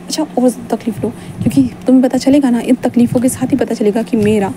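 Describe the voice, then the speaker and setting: A woman reading a storybook voices a calm, cocky young man who talks curtly and teases smugly. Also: on the high side, a little fast, background noise, lightly acted. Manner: cool, curt, smugly teasing.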